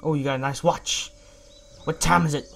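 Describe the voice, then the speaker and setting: A man's voice: on the high side, steady tone, normal speed, creaky, a bit bright, slight background noise. A young man commenting on gameplay in a crude, mocking, profane way. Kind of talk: let's play commentary.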